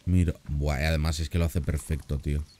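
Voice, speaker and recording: A man giving casual, excitable commentary while playing a zoo game, often repeating words in quick bursts. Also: a bass voice, a little hiss or hum. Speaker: gaming YouTuber reacting to a zoo build.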